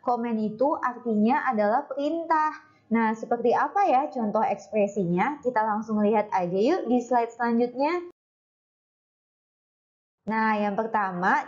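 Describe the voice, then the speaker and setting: A woman with an Indonesian accent, teaching children English phrases in a recorded lesson, speaking the model phrases slowly and lifting the pitch on a polite "please". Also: a little mellow, highs cut off.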